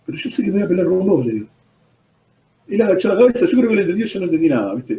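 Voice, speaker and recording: An Argentine pastor gives his personal testimony in an interview, telling it as a story and dropping "¿viste?" as he goes. His voice is high, sing-song, rapid-fire and dark-toned, and the recording has a roomy echo with him sitting far from the mic.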